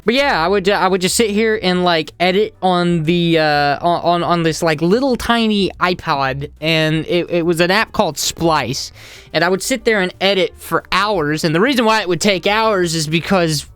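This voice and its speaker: Young male vlogger from the American South, scattered, restart-heavy delivery, slightly high, clean voice. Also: fairly bright tone, clear, resonant tone, no echo. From Southern United States. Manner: rambling and jumpy, with many restarts. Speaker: YouTuber. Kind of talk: casual vlog monologue.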